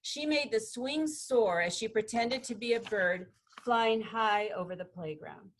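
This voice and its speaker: Expressive woman reader, picture-book story, slightly high voice. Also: a little slow, a little hiss or hum. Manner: expressive, gently paced storytelling. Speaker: student presenter. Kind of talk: reading a picture book aloud.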